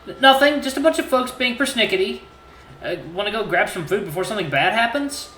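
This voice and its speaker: A man plays a stammering young suitor in a romantic comedy story. He is awkward and flustered yet reassuring, in a bright, raised voice with lively swings. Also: high voice, fairly quick, reverberant, a little hiss or hum, pitched above the performer's own voice.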